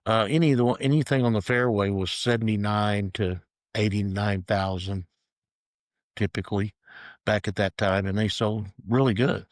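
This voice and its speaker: A middle-aged man, a real estate agent, telling stories in a relaxed interview with dry humor. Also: lowish voice, normal speed, no room sound. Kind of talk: casual interview storytelling.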